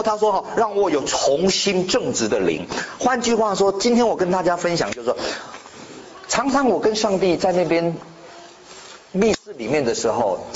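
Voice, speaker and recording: Animated male pastor preaching. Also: sits high. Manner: animated preaching, rhetorical questions to the congregation; mixes in English words. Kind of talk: sermon. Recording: slightly dull, faint room noise.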